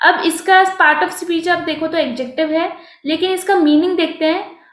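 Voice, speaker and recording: A woman's voice: extremely high pitch, measured pace, reverberant. A woman with an Indian accent, teaching an online vocabulary lesson, explaining word meanings and correcting herself as she goes. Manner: explains in mixed Hindi and English, self-correcting.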